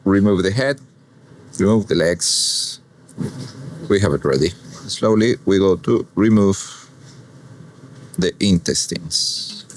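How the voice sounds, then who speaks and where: A man from Argentina speaking English with an Argentine Spanish accent, calmly talking a viewer through a cooking demonstration. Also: low-pitched, a little hiss or hum. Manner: unhurried, plain non-native English with calm explaining. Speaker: chef.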